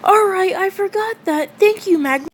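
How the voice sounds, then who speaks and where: A woman voicing a loud, excitable young male hero who yells shrilly. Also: normal speed, slight background noise. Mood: excited. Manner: shrill yelling.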